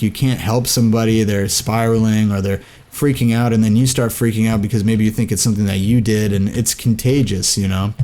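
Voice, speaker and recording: A man's voice: lowish voice, dark tone. A young man talking casually and reflectively, rambling with many restarts and fillers. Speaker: gaming video creator.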